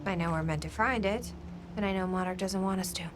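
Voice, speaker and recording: A woman's voice: medium pitch, a little fast, natural voice. A woman playing a guarded, determined female undercover agent in a video game, terse and assertive. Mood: urgent. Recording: game audio with noisy ambience.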